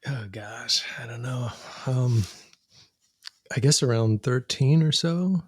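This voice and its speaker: A middle-aged man, a singer-songwriter guest on a podcast, telling his story with animated delivery, frequent laughs and imitated sounds. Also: mid-range voice, takes it slowly, breathy edge, no echo, studio quality.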